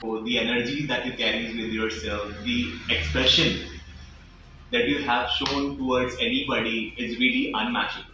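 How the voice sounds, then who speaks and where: A man's voice: medium pitch, level tone, normal speed. Man, earnest fan testimonial, muffled and noisy echoey recording. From India.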